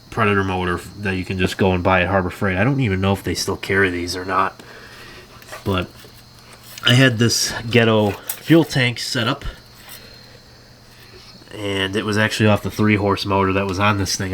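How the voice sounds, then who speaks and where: Tired, low-voiced man in his garage. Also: steady tone, moderate pace, a bit bright, a little hiss or hum. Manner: tired, offhand, dry joking. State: tired and congested from allergies. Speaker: channel host. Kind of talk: casual garage vlog. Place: home garage.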